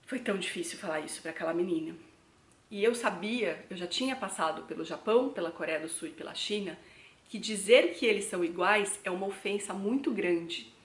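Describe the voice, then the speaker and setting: A young Brazilian woman, a travel vlogger, talks reflectively to her viewers in a casual vlog, calling them "gente" in a chatty, direct way. Her mid-range voice moves a little fast and carries a Brazilian Portuguese accent. The room she records in is echoey.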